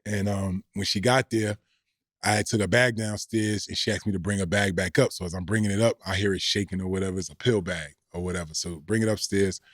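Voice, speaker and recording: A man's voice: deep voice, fairly even intonation, a little fast, no echo, studio quality. A middle-aged man, a former pro basketball player, telling slangy, rambling stories as a podcast guest. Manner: laid-back, slangy, rambling. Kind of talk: casual storytelling.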